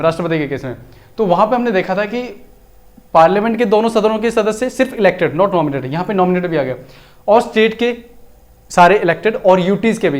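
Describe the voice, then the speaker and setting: High-voiced male teacher. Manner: chatty, explanatory, mixes Hindi with English terms. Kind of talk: recorded exam-prep lecture.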